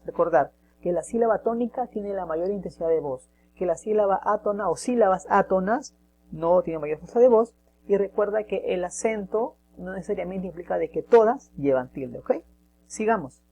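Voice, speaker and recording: Male teacher, mellow tone, patient step-by-step explainer who keeps asking if you follow, faint hum behind. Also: high-pitched, gravelly. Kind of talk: casual spoken lesson.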